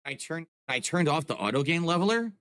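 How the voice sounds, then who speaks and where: A man's voice: fairly high pitch, very animated, brisk, fairly bright tone, smooth. A man chatting casually while testing a microphone, his volume jumping up and down as the gain settings change, muttering and puzzled as he clicks through settings. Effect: mic volume jumping up and down as gain settings change. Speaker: streamer testing a new microphone. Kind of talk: casual thinking-aloud chat.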